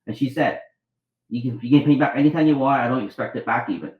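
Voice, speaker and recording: A middle-aged Vietnamese doctor and author talks fast in a mid-range voice, telling rambling anecdotes as a guest in a storytelling interview. He often starts over and acts out quoted lines. The recording is muffled, with a roomy echo.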